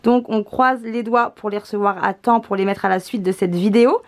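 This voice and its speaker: A woman hosts a relaxed family unboxing video, presenting board games and toys. She talks easily with frequent hesitations and little laughs, at a medium, ordinary pitch. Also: a little fast. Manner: relaxed, many hesitation fillers, laughs often. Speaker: vlog host, mother presenting gifts. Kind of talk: casual unboxing chat.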